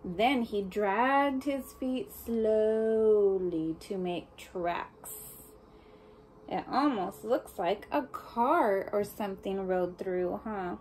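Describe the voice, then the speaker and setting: Reading a picture book to young children, a woman speaks expressively and very slowly, posing questions and asides to her listeners. Her medium-pitched voice has a darkish tone, and the low-quality recording carries slight background noise.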